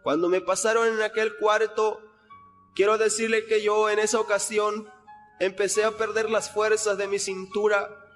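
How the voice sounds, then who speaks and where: Young man, high and flat delivery, earnest testimony, echoing hall with faint music behind. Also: moderate pace. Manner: earnest, retelling with repeated phrases. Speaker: person giving a testimony. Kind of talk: spoken religious testimony.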